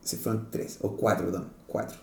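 A man's voice: lowish voice, level tone, moderate pace, gravelly, dark tone, echoey room. A man with a Chilean Spanish accent hosting a podcast, talking in a casual, rambling way with slang and many restarts. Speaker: podcast host. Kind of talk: casual chat.

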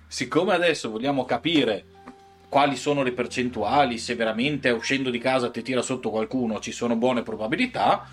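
Male podcast co-host, lively arguer, faint music underneath. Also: medium pitch, brisk. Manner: animated, argues with everyday examples and mock quotes. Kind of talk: casual podcast debate.

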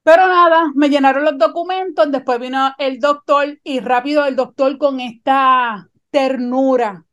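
A woman, telling a personal story in animated conversation and often checking that her listener follows. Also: sits high, moderate pace, hardly any pauses, dull audio.

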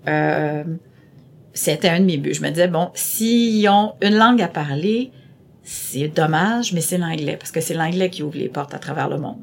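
Speaking at normal speed in a deep, slightly mellow voice with vocal fry, a middle-aged Quebec woman answers interview questions. Her Québécois French accent comes through as she chats and rambles, often hesitating and repeating words in this casual conversation.

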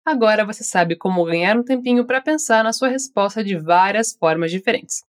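A woman with a Brazilian accent teaching English, giving slow, carefully articulated model phrases for learners to repeat. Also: medium pitch, animated. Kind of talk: scripted language lesson.

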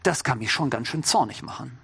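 A man's voice: medium pitch, expressive, fairly quick, gravelly, a bit bright, slightly rough, no echo. A middle-aged man preaching an informal, conversational sermon, often turning to the congregation with rhetorical questions.

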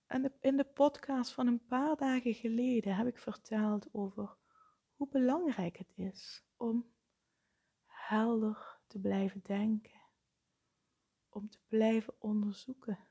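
A woman leading a guided meditation, speaking softly with frequent breathy, half-whispered phrases. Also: on the high side. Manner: slow, soft-spoken, often breathy and whispered.

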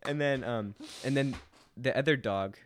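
A man's voice: mid-range voice, moderate pace, a little hiss or hum. Rambling, profane young man chatting. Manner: rambling, profane, laughs while telling stories. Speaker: podcast co-host. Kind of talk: casual chat.

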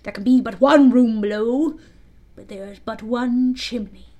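A woman voicing a vain, brooding, menacing pirate captain from a storybook, with dark, theatrical, emphatic delivery. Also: a little high, a little slow, muffled recording. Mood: scheming.

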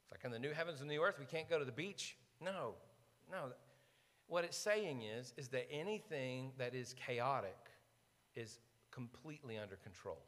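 A man preaching a conversational sermon, asking the congregation questions and dropping to a hushed voice to stress key points. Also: mid-range voice, expressive, moderate pace. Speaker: pastor. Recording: long reverb of a large hall.

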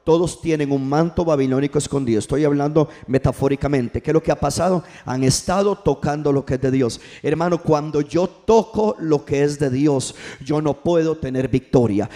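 In a church sermon, a male pastor with a slightly high, mellow voice invites the congregation to call back to him, preaching in call-and-response style.

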